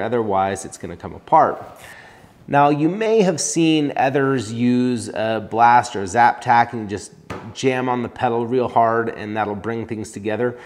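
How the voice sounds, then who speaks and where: A man in his thirties teaching welding to camera, explaining each step in a practical, calm way from a small indoor shop. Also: medium pitch. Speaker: welding instructor. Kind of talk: instructional talk to camera.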